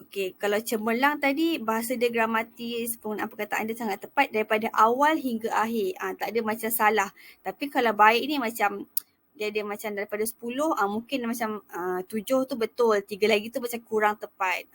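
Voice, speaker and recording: A young woman student teacher explaining a topic in a casual lecture style, chatty and relaxed, often pausing to begin again. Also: mid-range voice.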